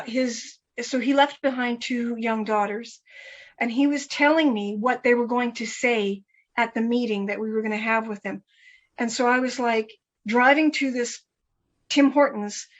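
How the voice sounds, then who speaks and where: Animated woman telling her story, slightly high voice. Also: lo-fi sound. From Canada. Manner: animated, repeats herself, acts out quoted voices. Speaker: guest. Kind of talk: storytelling in an interview.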